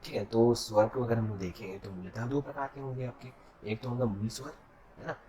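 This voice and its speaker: A man's voice: medium pitch, steady tone, a little fast, warm tone, slight background noise. A male teacher giving an exam-prep lesson. He asks questions and answers them himself, checking in with the class after nearly every point. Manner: drills with self-answered questions and constant "okay?" checks.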